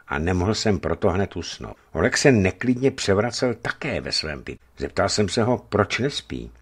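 A man reading an adventure memoir aloud in an expressive, measured storytelling manner. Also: fairly low pitch. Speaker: narrator.

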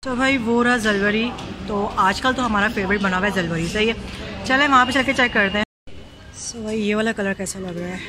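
A young woman vlogger chats casually with her viewers, addressing them often and slipping English words into her Urdu, first at a shopping mall and then in her kitchen at home. Her mid-range voice runs at normal speed over a crowd, in a noisy handheld recording.

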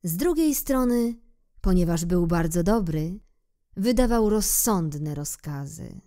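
Calm woman reading a kids' story aloud, slow and mellow. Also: lowish voice. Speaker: audiobook reader. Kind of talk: storybook narration.

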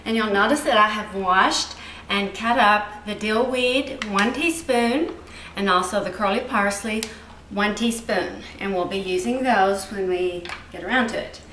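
A woman's voice: medium pitch, measured pace, fairly bright tone, slight background noise. A middle-aged woman hosting a home cooking show, explaining each step in a chatty, homey way. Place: home kitchen indoors, garden outdoors. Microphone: far camera. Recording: roomy, distant home video.

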